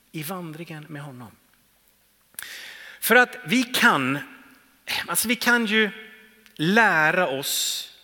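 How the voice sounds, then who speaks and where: Guy preaching, high bright voice, long echo like a big church hall. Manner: animated preaching, rhetorical questions, soft dips and swells. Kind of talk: sermon.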